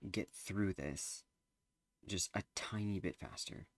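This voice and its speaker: A man's voice: sits low, slow pace, no echo. A teenage boy giving casual gameplay commentary, rambling and hesitant with lots of fillers. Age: teens. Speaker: gameplay streamer.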